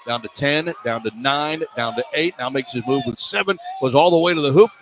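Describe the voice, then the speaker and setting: A radio play-by-play announcer, he calls live basketball courtside in clipped, running phrases. His voice is medium in pitch and a little fast. Arena ambience and noise can be clearly heard in this live broadcast.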